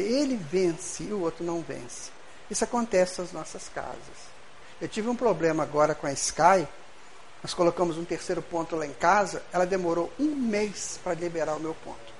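A man's voice: sits high, a little hiss or hum. A middle-aged man with a Brazilian Portuguese accent, leading a study group with a spiritual lecture, speaking folksily and acting out little dialogues as he addresses the group.

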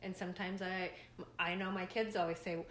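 A woman's voice: on the low side, flat delivery, normal speed, fairly bright tone. A middle-aged woman co-hosting a podcast in casual chat, rambling with lots of fillers and frequent laughter. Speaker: podcast co-host. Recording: echoey room, faint noise.

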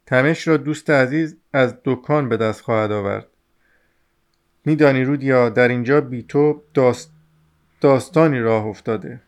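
A man reading the part of a chatty, excitable young male student in an audiobook, rambling eagerly in a smooth, clear voice. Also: medium pitch, natural voice. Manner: rambling, eager, talks over himself.

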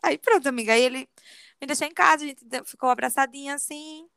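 A woman telling a personal story to a friend in a confiding, animated way. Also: high-pitched, fast talker, creaky, no echo, clean studio sound. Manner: animated confiding storyteller, often says "amiga". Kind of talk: casual storytelling chat.

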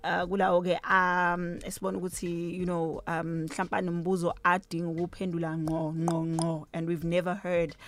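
A woman's voice: lowish voice, little pitch movement, moderate pace, hardly any pauses. A South African woman with a Zulu accent, hosting a radio interview in casual talk that switches between languages. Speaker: radio host.

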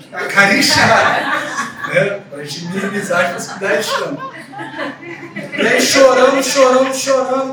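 A young man preaching a teaching sermon, telling a story with animated energy and repeating words for emphasis. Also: very high voice. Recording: echoey room from a distance.

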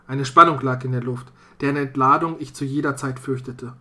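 Bright, measured audiobook narrator. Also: mid-range voice, fairly even intonation. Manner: measured, storytelling. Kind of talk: scripted first-person narration of a dark folk tale.

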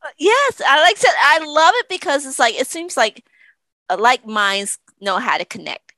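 A woman's voice: high voice, lively intonation, normal speed, pushed and bright, no echo. A woman hosting an interview podcast, talking in a friendly, loose way with some fillers, on a video call. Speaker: podcast host. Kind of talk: casual interview chat.

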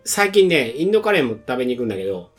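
A man's voice: mid-range voice, sing-song, very fast, soft background music. Playful man chatting on a podcast. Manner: playful, jokey wordplay. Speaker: podcast co-host. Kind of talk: casual chat.

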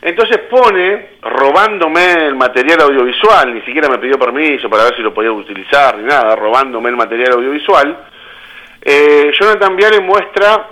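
Argentine man, radio guest, bright forceful voice, indignant, repeats himself, slightly high pitch. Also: low-quality recording. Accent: Argentine Spanish. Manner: indignant, repeats himself, voices his own quoted confrontations. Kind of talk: heated radio interview.

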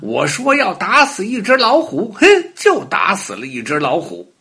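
Guy doing a squeaky little braggy puppy, yelps and wails, bright and breathy. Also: huge pitch swings, normal speed, full character voice. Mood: boastful. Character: boastful little spotted puppy, cowardly and shrill.

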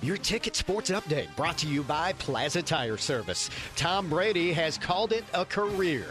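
Male sports update announcer, scripted radio read, fairly high voice over music. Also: big pitch swings, normal speed. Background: music bed.

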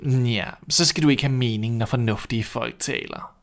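A self-satisfied house cat drawls each word slowly and with open condescension, as a man reading a storybook puts it on. The voice stays close to a normal speaking pitch. It sounds unhurried and superior. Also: creaky, natural voice. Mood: condescending.

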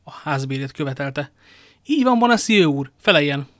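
A guy doing a cocky young swordsman, bossy and quick, kinda high voice. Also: no room sound, clean studio sound, close to an everyday voice. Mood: mock indignant. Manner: commanding, brisk. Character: bold young male guardsman, quick-witted leader.

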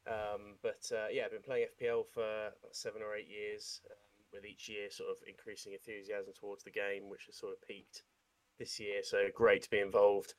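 A man's voice: on the low side, little pitch movement, normal speed, low-quality recording. A man with a Scouse accent, chatting casually on a podcast with a hesitant delivery full of fillers. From Liverpool, England. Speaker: podcast co-host.

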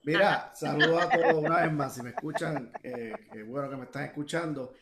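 A man's voice: on the high side, fairly quick, echoey room, a loud crowd. A young Puerto Rican man, a musician guest on a video call, talking in a rambling way with many fillers and restarts. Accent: Puerto Rican Spanish. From Puerto Rico. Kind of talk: casual interview talk.

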